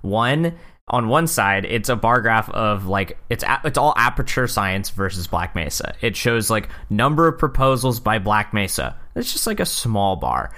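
A man chatting casually about a video game, describing details at a relaxed pace with plenty of fillers. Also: lowish voice, moderate pace. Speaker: podcast co-host.

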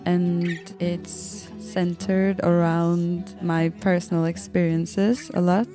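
Over music, a woman with a slow, low, mellow voice narrates reflectively as a musician telling her own story. She sounds hesitant and thoughtful, pausing between short phrases, with music playing behind her.

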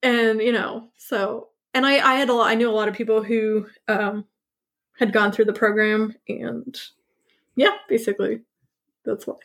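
A woman's voice: a little high, steady tone, moderate pace, vocal fry, fairly bright tone. A woman in her thirties, an actor, chatting as an interview guest, laughing often and using many fillers. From born in Hungary, grew up partly in New York and Montreal. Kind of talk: casual interview chat.

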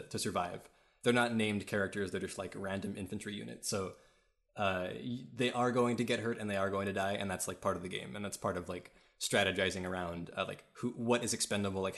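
A man's voice: fairly low pitch, vocal fry, fairly bright tone. A man co-hosting a casual podcast chat, rambling with lots of fillers and frequent laughs, recorded on a podcast mic. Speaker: podcast co-host.

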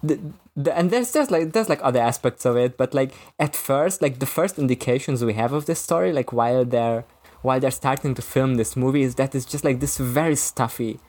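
A man's voice: mid-range voice, a little fast, a little mellow. A man co-hosting a podcast, talking casually about a film and piling up filler words and restarts as he works through his thoughts. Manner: rambling, many filler "like"s and restarts. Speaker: podcast co-host.

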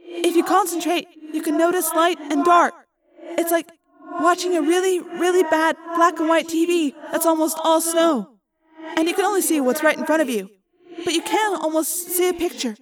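A woman's voice: extremely high pitch, steady tone, normal speed, recorded from a distance, background noise, pitched above the performer's own voice. A woman voicing a thoughtful teenage girl who explains things earnestly. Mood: explaining.

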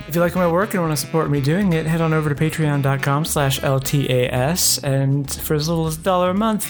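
A podcast host talking casually in a wry, self-deprecating way. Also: mid-range voice. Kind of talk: casual podcast talk and sign-off. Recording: music behind the voice.

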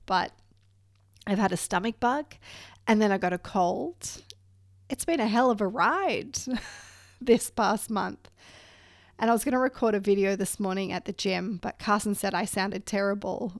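A woman's voice: mid-range voice, vocal fry, no room sound, studio quality. A woman hosting a podcast, nasal from a head cold, chatting upbeat and laughing often. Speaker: podcast host and strength coach. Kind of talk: casual solo podcast intro.

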